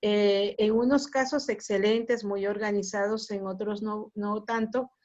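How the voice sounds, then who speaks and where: A woman from Ecuador, a university lecturer, speaking in a measured, reflective way as she asks a question on a video call. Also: medium pitch, fairly even intonation, darkish tone. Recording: muffled lo-fi video call audio.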